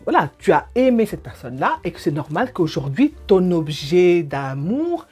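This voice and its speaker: A middle-aged woman, a divorce coach telling her own story and advising the listener in a colloquial, expressive way. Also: fairly low pitch, moderate pace, breathy edge, soft background music. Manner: expressive, colloquial, acts out scenes. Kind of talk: personal story and advice to viewer.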